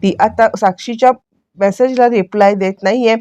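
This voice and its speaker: A woman's voice: on the high side, steady tone, normal speed, darkish tone, clear, resonant tone, dry recording. A woman narrating a recap of a TV serial episode, addressing viewers as she retells the scenes.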